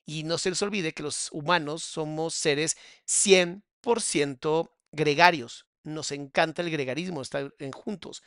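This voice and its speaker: A man's voice: fairly high pitch, fairly bright tone, no echo, studio quality. A man, a psychologist, commenting casually on a clip and answering viewer questions in a familiar, affectionate way. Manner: casual, calls listener mi amor and bebé. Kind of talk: reaction commentary.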